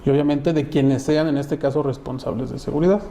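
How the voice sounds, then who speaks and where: A man's voice: mid-range voice, fairly even intonation, fairly quick, warm tone, roomy sound. A man co-hosting a webinar, chiming in with short agreements and posing reflective questions in a conversational way. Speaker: webinar co-host.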